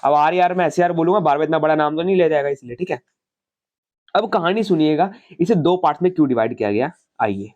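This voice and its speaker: A man with a slightly higher voice than most teaches a science class in a loose, chatty way. He keeps asking the class questions, then answers them himself, repeating key terms. He works in homely family stories to explain each point. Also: quick pace, a little mellow, muffled recording. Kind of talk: casual classroom lecture.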